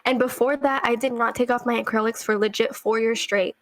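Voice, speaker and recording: A young woman chatting on her podcast, spilling a story in a loose, animated way, full of "like" and asides. Her voice sits a little high, and the sound is close and dry with no room around it. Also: brisk, no echo, soft background music, rough recording. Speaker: podcast co-host. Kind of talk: casual chat.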